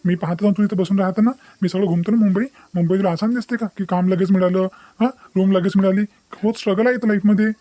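A man voicing a fast-talking, sneering cartoon boyfriend. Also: high voice, fairly even intonation, mellow, no room sound, lightly acted. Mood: angry. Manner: dismissive, taunting, fast-talking. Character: young deceitful city boyfriend, bossy and threatening. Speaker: cartoon character. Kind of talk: Marathi cartoon voice acting.

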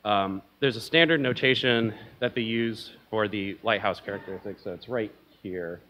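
A man's voice: lowish voice, normal speed, pushed and bright. A young man presenting at an academic conference from a lectern, talking casually with frequent ums and uhs and a self-deprecating humor.

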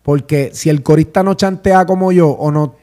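A hoarse man, a singer, chatting casually on a podcast and telling a story, often asking if he is understood. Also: fairly high pitch, normal speed, mellow. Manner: storytelling, quotes others, says "¿me entiendes?". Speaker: podcast host. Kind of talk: casual chat.

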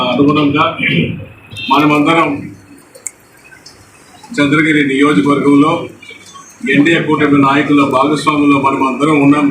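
A man from a local Telugu party gives a formal political speech, full of honorifics and thanks, at a party office opening. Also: a little high. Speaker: party speaker. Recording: echoey, distant, noisy news mic.

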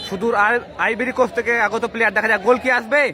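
A man calling a penalty shootout live, in excited, urgent football commentary full of repeated exclamations. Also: very high-pitched, racing. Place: outdoor football ground during a match. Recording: noisy outdoor stadium with loud crowd. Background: loud crowd and noise.

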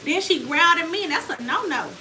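A woman's voice: very high-pitched, expressive, quick pace, sharp tone, poor audio. A woman co-hosting a home cooking vlog, chatting and teasing her partner in a casual way. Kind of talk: casual chat. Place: home kitchen with frying food. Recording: noticeable background noise.

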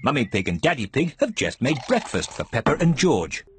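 Animated British children's cartoon narrator. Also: male voice, medium pitch, a little fast. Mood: friendly. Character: friendly male storytelling narrator for small children. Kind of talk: scripted preschool cartoon narration. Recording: loud music behind narration.

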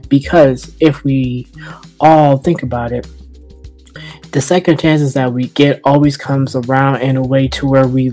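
A man hosting a casual, sarcastic commentary channel, loose and joking as he rambles. He speaks at an ordinary middle pitch, and faint music plays under his voice. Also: a little mellow. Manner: loose, joking, trash-talking. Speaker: host. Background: background music.

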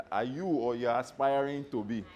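A man's voice: mid-range voice, a little slow, muffled recording, crowd noise. A man giving a live motivational workshop talk to staff, telling stories and often checking that the audience follows him. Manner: animated storyteller who checks in with the audience. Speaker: motivational trainer.

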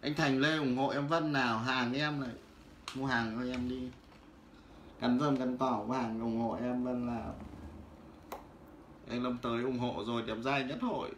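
A man, hawking goods on a casual livestream, loud and teasing as he calls out viewers by name. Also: medium pitch, level tone, unhurried, long pauses. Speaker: livestream seller. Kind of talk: casual livestream sales patter. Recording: roomy with faint background noise.

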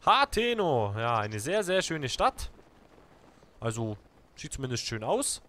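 Excitable man commentating a game. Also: mid-range voice, a little slow. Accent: German. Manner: chatty, excitable, talks to himself and viewers. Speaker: let's play gamer.

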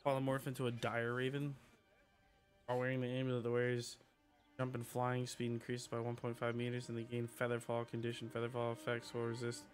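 Mid-pitched man doing casual game commentary. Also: monotone, brisk, soft background music. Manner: offhand, sweary, reads game text aloud. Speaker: let's play host.

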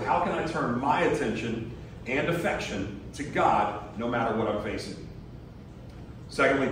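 A man's voice: mid-range voice, slight background noise. A man preaching as a guest speaker in a church, earnest and building to emphatic peaks. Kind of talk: sermon. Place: church sanctuary. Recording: echoey church from far off.

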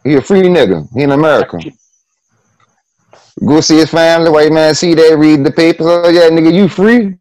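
A man's voice: fairly high pitch, moderate pace, darkish tone, no echo, rough recording. A man in casual chat on a video call, telling a story and calling the others "my brother". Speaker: panelist.

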